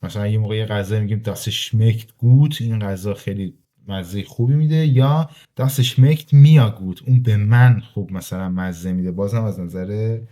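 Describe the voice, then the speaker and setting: A man teaching a language grammar lesson, reading example sentences slowly and then explaining them quickly to his students in a casual way. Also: on the low side, mellow. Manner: addresses listeners informally as "kids". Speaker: German teacher.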